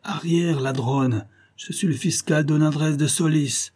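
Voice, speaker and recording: An aging, miserly prosecutor, as a male narrator puts him on, trying to sound menacing while pleading. The voice rises well above the reader's own and keeps a husky, mellow edge. He is a figure in a spoken storybook. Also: mid-range voice, a little slow, voice pushed up. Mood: blustering. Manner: blustering, pleading. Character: old miserly male prosecutor, frightened then tearful.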